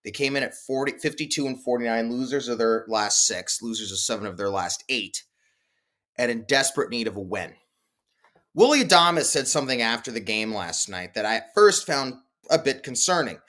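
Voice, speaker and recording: Solo sports podcast host, male, mid-pitched, animated recap delivery with lively swings, self-deprecating asides. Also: normal speed. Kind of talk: solo postgame baseball recap.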